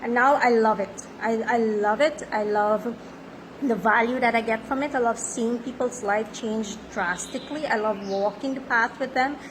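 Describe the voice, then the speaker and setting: A woman in her thirties talks as a life coach in a confident, self-affirming way. Her voice sits on the high side. Clear background noise runs under the recording. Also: moderate pace. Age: 30s. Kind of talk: motivational monologue.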